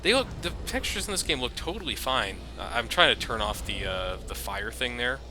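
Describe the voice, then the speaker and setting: Over music, a medium-pitched man speaks a little fast as he plays through a let's play. He keeps the gameplay commentary relaxed and rambling, packed with fillers.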